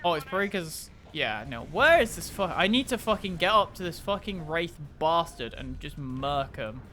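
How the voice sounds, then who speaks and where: A young man gives rambling, casual game commentary, full of swearing and sudden excited reactions. His voice sits a little high and sounds bright. A faint hiss runs under it. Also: normal speed. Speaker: streamer.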